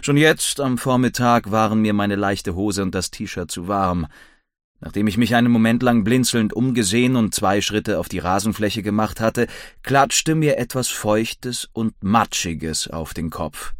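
A man reading a first-person audiobook story in a measured, wry, dry manner. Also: lowish voice, dry recording. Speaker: audiobook narrator. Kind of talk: scripted first-person narration.

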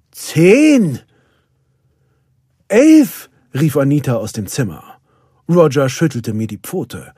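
A man reads a storybook aloud, unhurried and expressive, his pitch moving freely up and down. His voice has a soft husk, recorded close and dry. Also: husky, no room sound. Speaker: audiobook narrator. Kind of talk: first-person story narration as a dog.

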